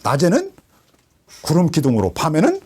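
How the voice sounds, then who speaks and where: A man's voice: normal speed, slightly rough. A male pastor giving a sermon in colloquial, storytelling style, retelling scripture with dramatic swings. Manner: animated storytelling, colloquial, dramatic drops in pitch.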